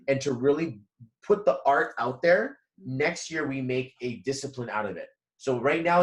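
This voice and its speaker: A man's voice: mid-range voice, fairly bright tone. A man giving a numerology reading in a loose, rambling chat, full of fillers and restarts. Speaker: numerology reader, guest. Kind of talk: casual spiritual chat.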